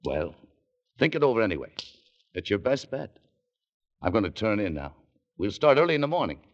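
A man's voice: on the low side, very animated, fairly quick. An actor playing a laconic, wry American adventurer who narrates his own story in a 1940s radio drama. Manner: laconic, wry, hard-boiled. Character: American adventurer, dry and wary. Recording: lo-fi old radio broadcast with music bed.

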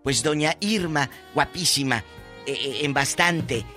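A man's voice: on the high side, measured pace, pushed and bright, faint music behind. A man with a Mexican accent hosting a radio talk show, flamboyant and playful with a big theatrical voice. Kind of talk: casual radio chat.

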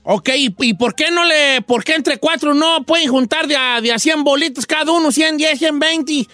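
Cranky old radio uncle, squeaky high voice, sharp and bright, dry close sound. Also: male voice, normal speed, no room sound, faint music behind. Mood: joking. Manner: gruff, jokey, threatens playfully. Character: grumpy old male radio uncle, blunt and teasing. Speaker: radio host. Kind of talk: comic radio talk show.

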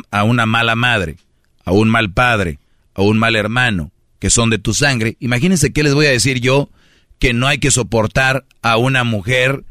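A man's voice: mid-range voice, pushed and bright, no echo, studio quality. A man with a Mexican Spanish accent giving relationship advice as a radio host, in a preachy, slangy manner, often acting out the voices of the people he talks about. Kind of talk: casual radio monologue.

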